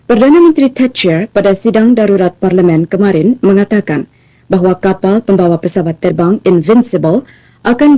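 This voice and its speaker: A woman newsreader delivering a formal television news bulletin in a measured, even manner, heard as old 1980s broadcast sound. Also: medium pitch, no echo. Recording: dull, lo-fi, dry archive broadcast audio.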